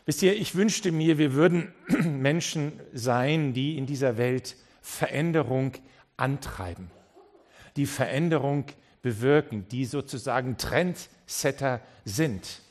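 A man preaching a sermon in a church. He moves between quiet, low passages and loud, rising appeals, and he often repeats words and restarts. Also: takes it slowly.

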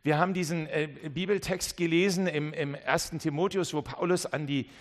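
Dramatic preacher, slightly high voice. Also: male voice, fairly even intonation, moderate pace. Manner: dramatic, acts out voices in dialogue. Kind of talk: sermon.

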